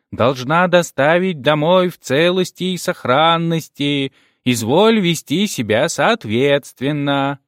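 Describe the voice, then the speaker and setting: A doddering old grandmother, put on by a male narrator, lifted well above his own voice and dragging every word out slowly. She mumbles and fusses in a prim, scolding way, as in a storybook read aloud. The sound is close and dry. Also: on the high side, fairly bright tone, clean tone, no room sound, pitched above the performer's own voice. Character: frail deaf half-blind grandmother, fussy and prim.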